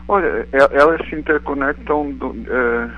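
Calling in to a live radio interview, this middle-aged author and biology professor from Portugal has a medium-pitched, unhurried voice and a European Portuguese accent touched with Brazilian sounds. He's thoughtful, hunting for words and restarting, and the phone line sounds tinny.

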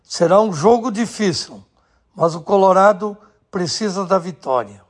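A man from Rio do Sul delivers scripted radio sports commentary into a studio microphone. His voice sits high for a man, and he reads slowly and deliberately. He breaks his lines into short, measured phrases. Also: lively intonation.

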